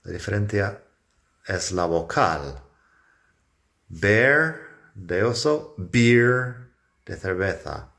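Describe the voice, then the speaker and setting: Slow, low-voiced man teaching pronunciation. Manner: repeats words slowly, switches to clear modelled English. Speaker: English teacher. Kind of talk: pronunciation lesson.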